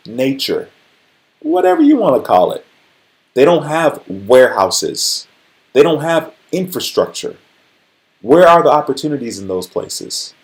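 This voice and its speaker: A forties-aged man with a mid-range, slightly mellow voice hosts a livestream full of casual motivational chat. He keeps the tone conversational and regularly checks in with his listeners.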